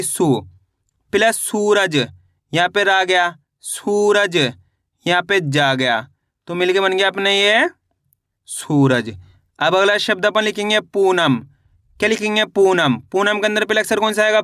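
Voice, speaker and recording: A man's voice: high voice, a little slow, bright, forceful tone, dry recording, clean studio sound. A man teaching children to read and write words, spelling each one out syllable by syllable and answering his own questions. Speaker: Hindi literacy teacher.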